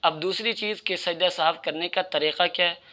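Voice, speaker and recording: A man's voice: high voice, moderate pace, bright, forceful tone. A man giving religious instruction in a methodical, explanatory way, addressing his listeners directly. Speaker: Islamic religious teacher.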